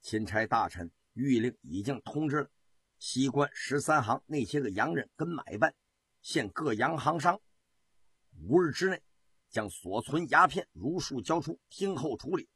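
A man voicing a businesslike military commander who gives a formal report in a subdued, husky voice. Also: mid-range voice, expressive, moderate pace, fairly bright tone, no echo, exaggerated voice.

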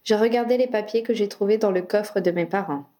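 Woman voicing an earnest young guy, patient war hero, gentle reassuring audiobook read, mellow voice. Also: medium pitch, a little fast, close to an everyday voice.

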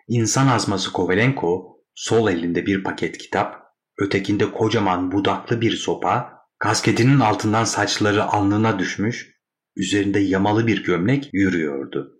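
A man narrating a classic short story in a measured, wry storytelling manner. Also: lowish voice.

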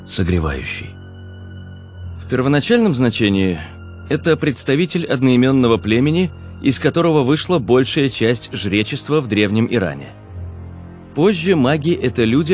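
Low-voiced male audiobook narrator. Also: darkish tone.

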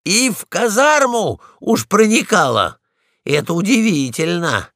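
A man's voice: sits high, animated, extremely slow, creaky, sharp tone, no room sound, studio quality, voice pushed up, heavily acted. A man doing an indignant proud male dog. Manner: indignant and stern.

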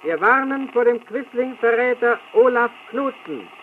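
Solemn freedom-fighter voice on a pirate radio broadcast, tinny old radio-drama sound. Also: male voice, very high voice, animated, a little slow. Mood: defiant. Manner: solemn, declaiming proclamation. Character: defiant male underground freedom-radio announcer. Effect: pirate radio broadcast over a crackly shortwave signal. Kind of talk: 1940s radio play acting.

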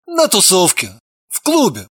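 Женщина озвучивает обидчивого молодого парня. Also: female voice, mid-range voice, wildly swooping pitch, a little slow, dry recording, clean studio sound. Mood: defensive. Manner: curt, defensive, sulky. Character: touchy young man, defensive nephew. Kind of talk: audiobook reading.

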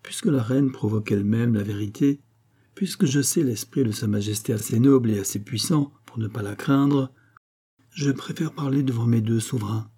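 A man reading a novel aloud, voicing a calm court doctor who speaks in a measured, deferential way. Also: mid-range voice, slightly rough, natural voice.

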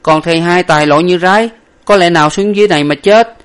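A man doing a shrill, panicky young servant. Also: quick pace, clean tone. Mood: flustered. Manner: shrill, loud and flustered. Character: panicky young male servant, clumsy and tearful.

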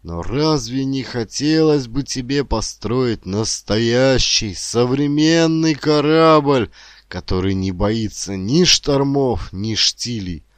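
A male reader voicing a stern old shipyard worker who talks gruffly and emphatically. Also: mid-range voice, slow pace, no echo, voice pushed up, natural voice. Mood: insistent. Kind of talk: audiobook character reading.

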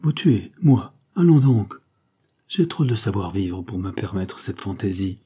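A man's voice: lowish voice, very animated, unhurried, dark tone, slightly rough, heavily acted. A man reading an audiobook, voicing a cold, vengeful male captain who speaks with scorn. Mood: icy scorn. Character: icy vengeful male captain back from exile.

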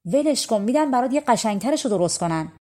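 A woman's voice: on the high side, animated, warm tone, pitched above the performer's own voice. A woman voicing a devoted young prince in a fairy tale, speaking in a raised voice. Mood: soothing.

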